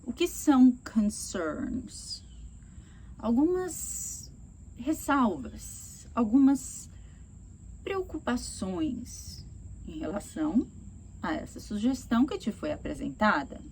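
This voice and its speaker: A woman teaching English, explaining phrases and acting out examples, repeating each phrase slowly. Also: on the high side, sing-song, a little mellow, slight background noise. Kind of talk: explaining lesson.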